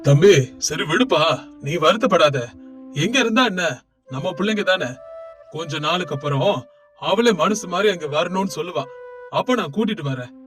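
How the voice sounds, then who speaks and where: A kind, forgiving uncle in an animated cartoon, acted by a man. He speaks gently and high-pitched for a man, consoling those around him. Faint music plays underneath. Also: normal speed, pauses often.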